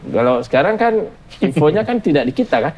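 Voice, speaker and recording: A man speaking earnestly as a panel guest, measured and full of hesitant fillers and restarts. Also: a little high, big pitch swings, darkish tone, slight background noise. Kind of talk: panel discussion.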